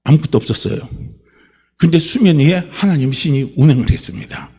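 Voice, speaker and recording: A male pastor preaching a Sunday sermon in a church, his delivery swinging from low, quiet murmurs to loud, shouted declarations. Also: lively intonation, brisk, slightly rough, in a large hall. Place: church sanctuary.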